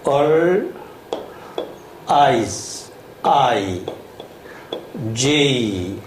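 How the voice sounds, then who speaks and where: A man's voice: mid-range voice, sing-song, extremely slow. A man teaching a lesson, drilling spelling syllable by syllable and asking the listener questions as he goes. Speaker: English teacher. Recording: echoey room with faint hum.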